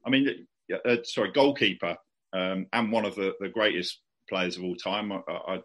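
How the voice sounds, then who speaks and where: A podcast host with a low voice and fairly even intonation conducts an interview at a moderate pace, in a chatty, casual style. His questions run long and rambling, full of restarts and fillers.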